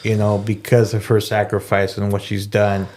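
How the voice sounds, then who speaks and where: Podcast guest, man with a lowish voice, thoughtful and meandering. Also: monotone, moderate pace, darkish tone, slight background noise. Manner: thoughtful, filler-heavy, drops into Spanish. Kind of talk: reflective conversation.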